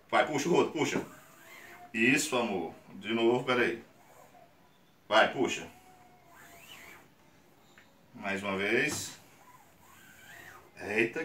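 A man's voice: medium pitch, animated, slow, pauses often, sharp tone. Brazilian man, 30s, workshop tutorial host; patient and coaxing, recorded at a distance in a bare, echoing room with faint hiss. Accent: Brazilian Portuguese. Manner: patient, coaxing, explains step by step with frequent "tá?". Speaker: screen printing channel host. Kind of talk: casual how-to demonstration. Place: small indoor print workshop. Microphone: camera on a tripod a few meters away. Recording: roomy, distant camera mic with faint noise.

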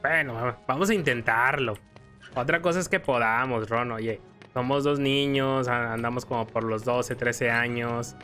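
Speaking at medium pitch with a steady tone, this gaming video creator has a Mexican accent and a pushed, bright sound at moderate speed. Game music runs under his casual, joking commentary full of playful exclamations.

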